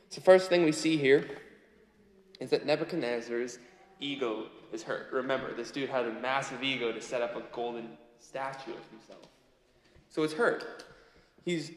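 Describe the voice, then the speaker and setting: A man teaches from the Bible in a relaxed, chatty way and reads the scripture passages out a little louder. His voice rings through a large room with a long, lingering reverb. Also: medium pitch, slight background noise. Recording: echoey hall with long reverb.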